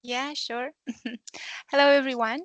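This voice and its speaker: A woman's voice: high voice, steady tone, takes it slowly, fairly bright tone, no room sound, muffled recording. A woman from Moldova giving a brief, friendly self-introduction as a platform ambassador on a video call. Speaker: webinar guest, platform ambassador.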